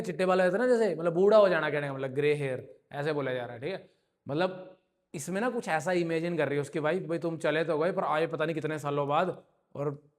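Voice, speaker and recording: A man teaching an English grammar lesson to a class, explaining patiently and often checking that students follow. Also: fairly high pitch. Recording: long reverb in a hall.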